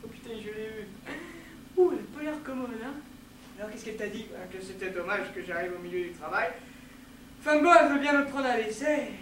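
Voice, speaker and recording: A man's voice: high-pitched, expressive, a little fast, noisy background, pitched below the performer's own voice. An actor in a one-man stage show playing an eager, clumsy young man from the south who is new to a theatre troupe, chatty and nervous, swearing casually. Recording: echoey live stage from far off.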